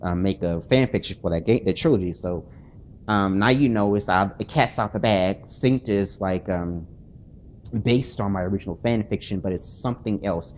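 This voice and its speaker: In a deep, slightly mellow voice, a sleepless author and channel host chats to camera late at night. Nerves make him halting and self-conscious, stumbling over restarts and fillers, with slight background noise in the recording.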